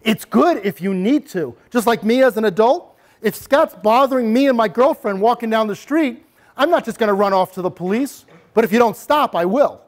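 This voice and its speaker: Man, high-pitched, workshop presenter, animated, demonstrates examples, talks to a live audience. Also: normal speed. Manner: animated, acts out examples with sudden voice changes. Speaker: bully prevention presenter. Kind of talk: interactive workshop talk to parents and kids.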